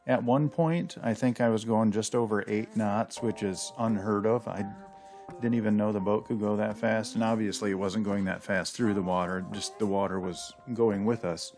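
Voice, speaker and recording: A man narrating his sailing vlog at home, chatty and rambling with plenty of fillers and self-deprecating asides. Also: on the low side. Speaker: sailing channel host. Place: house full of dogs.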